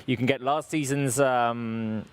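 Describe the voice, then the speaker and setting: Excitable male live match co-host. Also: medium pitch, a little slow, clean tone. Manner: excitable, exclaims during chances. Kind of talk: live match commentary and chat.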